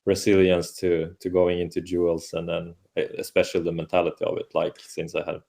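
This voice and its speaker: A man's voice: deep voice, completely flat delivery, fairly quick, creaky, darkish tone. A man from Finland whose first language is Swedish, a football coach answering interview questions in a hesitant way, with many fillers and restarts. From Åland, Finland. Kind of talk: casual interview conversation.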